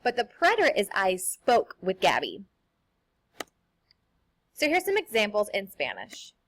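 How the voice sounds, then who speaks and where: A young adult woman, a teacher, giving a recorded lesson in an upbeat, sing-song manner and slowing down carefully to model each example. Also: mid-range voice, huge pitch swings, a bit bright, a little hiss or hum. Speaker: Spanish teacher.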